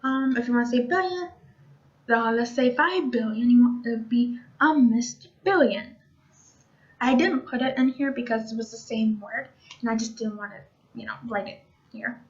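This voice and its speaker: A young woman giving a casual online language lesson, chatting to viewers and repeating each word slowly for learners. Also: a little high. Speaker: language teacher. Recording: dull lo-fi recording.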